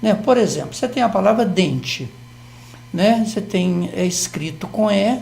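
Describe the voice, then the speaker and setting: A man's voice: high-pitched, expressive, normal speed, vocal fry, a little mellow, faint music behind. An older man with a Brazilian accent explaining grammar on a TV lesson, patient and methodical, often checking in with tag questions. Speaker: Portuguese language teacher.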